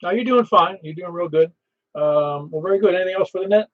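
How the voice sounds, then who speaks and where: A man with a slightly high voice hosts a casual ham radio net. He rambles in a chatty way, and the sound is a little dull. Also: fast talker. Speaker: amateur radio net host. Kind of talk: casual net hosting with call signs.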